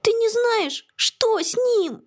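Squeaky, rowdy little ogre kids from a storybook who shriek their lines in a very high voice that leaps about wildly. The ogres' outbursts come out loud and shrill, like an excited gang of small children. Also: takes it slowly, full character voice. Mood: worried. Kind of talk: storybook reading.

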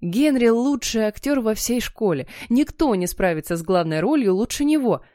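A woman reading a children's audiobook in an animated manner, voicing each character. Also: fairly high pitch, normal speed, no echo, clean studio sound. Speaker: audiobook reader. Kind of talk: expressive audiobook narration.

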